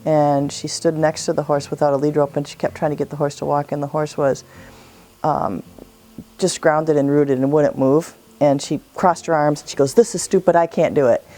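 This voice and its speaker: A woman's voice: sits low, level tone, normal speed, dark tone. A woman therapist explaining her work with horses in an earnest, reflective way. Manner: earnest, reflective, storytelling with quoted dialogue. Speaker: equine therapist. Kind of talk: explanatory interview talk.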